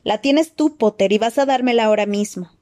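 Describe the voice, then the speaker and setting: Brief: woman doing a high, shrieking fanatical witch, desperate and loud, audiobook villain. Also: brisk, lightly acted. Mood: furious. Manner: shrieking, pleading. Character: shrill frantic female dark witch, fanatical and fearful.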